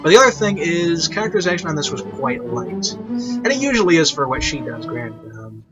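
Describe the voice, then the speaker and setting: This review show host speaks in a fairly high, sing-song voice, a little on the fast side. Unscripted and casual, he rambles and says things more than once to press his point. Orchestral and piano classical music plays under the dull lo-fi recording.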